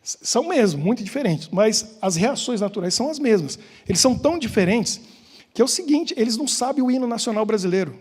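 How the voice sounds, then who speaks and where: High husky Brazilian pastor in a reverberant hall. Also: male voice, expressive, fast talker, a little mellow. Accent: Brazilian Portuguese. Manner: joking, chatty, asks the congregation questions. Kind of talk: informal sermon with banter. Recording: long church hall reverb.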